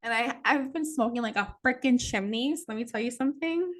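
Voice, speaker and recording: Gal teaching a class, kinda high voice, super chatty, lots of "like" and "um", laughs a bunch. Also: female voice, brisk, fairly bright tone. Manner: chatty, peppered with "like" and "um", laughs often. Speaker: astrology teacher. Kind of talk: casual recorded class.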